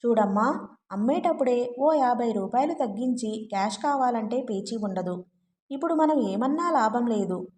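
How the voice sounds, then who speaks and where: A woman voicing a calm, steady grown man, speaking in a measured, firm way as she reads a story aloud. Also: a little high, close to an everyday voice. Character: man, calm steady family elder brother.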